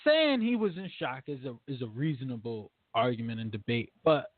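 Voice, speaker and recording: A man hosts a casual podcast discussion, talking emphatically, animated and acting out quotes. His mid-range voice moves fairly quickly, and the audio is dry and phone-like with no echo.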